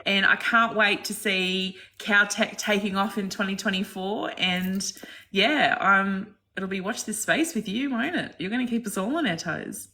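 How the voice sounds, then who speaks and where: Bright-voiced woman hosting. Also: medium pitch, a little slow. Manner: affectionate, calls people darling and sweetheart. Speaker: host. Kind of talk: casual chat.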